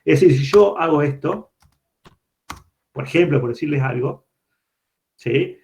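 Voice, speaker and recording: A man's voice: fairly high pitch, expressive, a little slow, a little mellow. A man giving an online university programming lecture, explaining step by step and often checking that students follow. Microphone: computer mic on a video call. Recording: dull lo-fi video-call audio.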